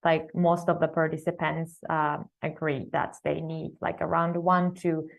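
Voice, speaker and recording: A woman's voice: sits low, level tone, a little slow, vocal fry. A woman giving an academic research presentation at a student conference, hesitant, with many fillers and restarts.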